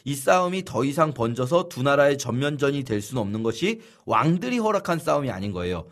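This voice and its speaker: A man teaching a Bible study lesson in a lively storytelling way, acting out the figures' lines. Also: medium pitch, fairly quick.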